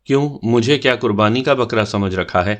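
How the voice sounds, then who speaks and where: A man's voice: mid-range voice, lightly acted. A man voicing a spirited young woman who protests indignantly at being made to play a silly game. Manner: indignant, huffy.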